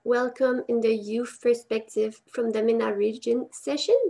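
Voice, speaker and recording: Woman with a higher, raspy, creaky voice reading a formal welcome on a video call. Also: fairly even intonation, moderate pace, warm tone. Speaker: session host. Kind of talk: scripted welcome.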